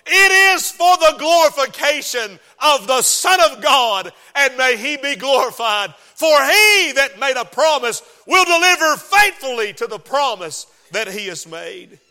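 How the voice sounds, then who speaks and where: A man's voice: extremely high pitch, very animated, measured pace, few pauses, pushed and bright. A male pastor preaching a sermon in a church sanctuary, calling out to the congregation and building to outbursts. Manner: preaching with call-and-response and rising outbursts. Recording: long hall reverb.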